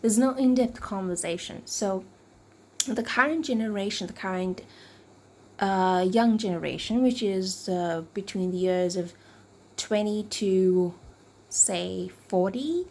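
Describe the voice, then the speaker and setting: A woman talking to camera about mental health in a reflective, unscripted way, often searching for words and restarting, her voice cracking and her throat needing clearing. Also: medium pitch, measured pace, mellow.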